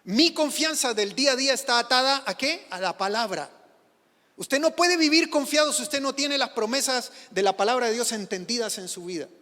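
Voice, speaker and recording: A pastor preaching a sermon in a church, emphatic and repetitive, building phrases up into loud exclamations. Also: male voice, very high-pitched, expressive, normal speed. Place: church sanctuary. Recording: echoey church hall.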